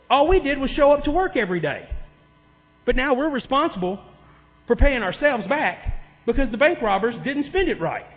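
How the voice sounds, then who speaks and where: Fired-up guy ranting at city council, kinda high voice, tinny sound, big echoey hall w/ hum. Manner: heated, sarcastic, driving home points with repeated questions. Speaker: city worker speaking at public comment. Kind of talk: impassioned public comment speech.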